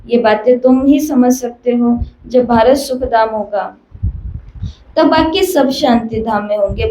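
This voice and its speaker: A woman with a fairly high, mellow voice delivers a spiritual sermon as a teacher, weaving in small stories and repeating her questions for emphasis. The recording is echoey, with a faint hiss underneath. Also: muffled recording. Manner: repetitive emphatic questioning, storytelling. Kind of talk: spiritual discourse.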